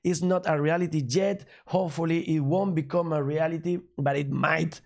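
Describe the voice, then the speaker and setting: A man from Spain with a Spanish accent, a native Spanish speaker hosting a news commentary show in an upbeat, emphatic, slightly halting way. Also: fairly high pitch, fairly even intonation, gravelly, a little mellow. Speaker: crypto news channel host.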